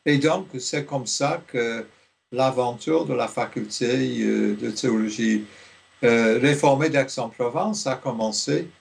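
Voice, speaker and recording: An older man from Liverpool, a theology professor, speaking in a radio interview, slowly and with many hesitations. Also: mid-range voice, gravelly. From Liverpool, England. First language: English. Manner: slow, halting, many fillers.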